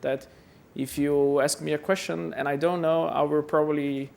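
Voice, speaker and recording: A man from Brazil speaks at a conference hall in a fairly high voice with vocal fry and a darkish tone, flat in delivery and moderate in pace. His talk is chatty and self-deprecating, and he often repeats words as he goes.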